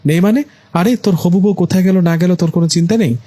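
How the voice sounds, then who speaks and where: A man's voice: high-pitched, fast talker, dark tone, dry recording, voice pushed up. A man voicing a middle-aged mother who is bossy, pushy and eager for her son's wedding. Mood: scolding. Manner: scolding, pushy.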